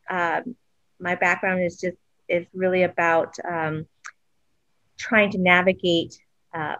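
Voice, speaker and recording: Halting woman from Vietnam, muffled line. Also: lowish voice, a bit bright, no echo. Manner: halting, with many fillers. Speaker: guest author. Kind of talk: casual panel chat. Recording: dull dry sound.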